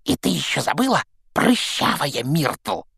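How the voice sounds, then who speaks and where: A man's voice: on the high side, big pitch swings, measured pace, vocal fry, fairly bright tone, slightly rough, dry recording, clean studio sound, pitched above the performer's own voice, full character voice. A man voicing a sneering, mischievous male poltergeist who hisses and jeers in a storybook reading. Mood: jeering. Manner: hissing, jeering.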